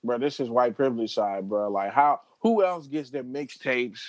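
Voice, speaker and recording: A man's voice: mid-range voice, normal speed, darkish tone, dry recording. A man in playful, teasing casual chat full of slang.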